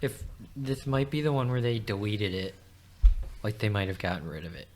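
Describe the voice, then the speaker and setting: A man's voice: on the low side, moderate pace, a little hiss or hum. A man co-hosting a podcast, chatting casually and laughing often as he tells stories. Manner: laughs often, animated storytelling. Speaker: podcast co-host. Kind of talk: casual chat.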